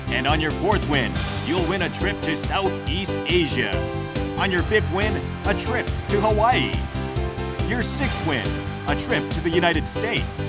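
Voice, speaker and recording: A man's booming prize announcer voice, pitched high and swooping with showy emphasis. He delivers a scripted game show prize read over loud music.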